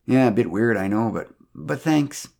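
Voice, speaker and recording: A man's voice: mid-range voice, animated, moderate pace, creaky, darkish tone. A man voicing a long-suffering older husband neighbor in a storybook podcast. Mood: weary. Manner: urgent, raised and apologetic.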